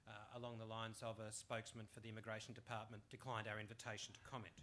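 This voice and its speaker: A man's voice: fairly low pitch, level tone, fast, a crowd in the background. A man moderating a conference panel, dry and joking. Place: conference hall.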